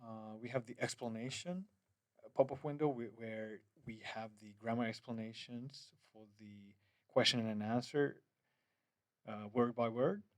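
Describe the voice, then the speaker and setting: In this screen-recorded demo, a Finnish-speaking app developer talks at a measured pace in a medium-pitched, fairly even voice on a dry recording. He hesitates a lot, restarting, using fillers, and phrasing things loosely.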